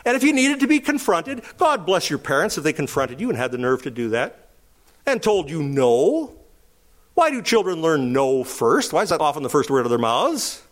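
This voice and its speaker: Middle-aged guy preaching a sermon, kinda high voice, swings up and down a lot. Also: moderate pace. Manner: animated preaching, rising to emphatic high calls. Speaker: pastor.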